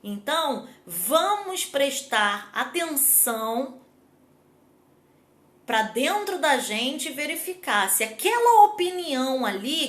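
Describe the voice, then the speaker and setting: A woman's voice: sits high, fairly bright tone, reverberant. A woman therapist giving a casual talk to an audience, chatty and often turning to them directly. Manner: chatty, addresses audience as gente, acts out quotes.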